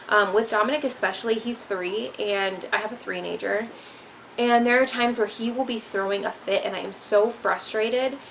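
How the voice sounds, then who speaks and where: Young mother vlogger, casual rambling chat, a bit of vocal fry, faint room hiss behind. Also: mid-range voice, fairly bright tone, poor audio. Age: young adult. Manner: rambling, frank, many ums. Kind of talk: casual parenting talk to camera.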